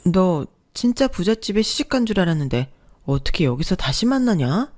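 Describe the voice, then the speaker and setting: A woman's voice: fairly low pitch, sing-song, normal speed, darkish tone. A woman voicing a blunt, teasing older female coworker who works as a golf caddie.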